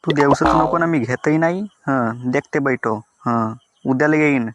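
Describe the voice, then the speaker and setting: A man's voice: medium pitch, a little slow, a bit bright, no echo, lightly acted. A man voicing a stingy, haggling village customer with a Vidarbha Marathi accent. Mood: wheedling. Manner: wheedling, haggling.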